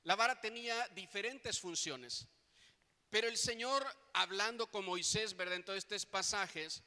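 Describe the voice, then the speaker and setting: A man's voice: high-pitched, bright, forceful tone. A male pastor with a Mexican Spanish accent preaching a sermon in a church, often asking his congregation questions and tagging lines with "right?". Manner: preaching with rhetorical questions, tag "¿verdad?". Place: church hall. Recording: echoey church hall.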